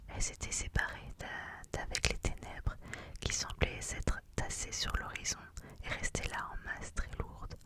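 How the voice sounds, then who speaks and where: Hushed ASMR reader, fully whispered. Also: moderate pace. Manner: soft unvoiced whisper throughout, hushed like reading in a library. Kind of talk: whispered ASMR reading of a literary novel.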